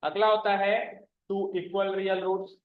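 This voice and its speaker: High-voiced man teaching maths to a class. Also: level tone, narrow, tinny audio. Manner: checks understanding with frequent questions to the class; explains slowly, repeating key terms. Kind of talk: classroom lecture.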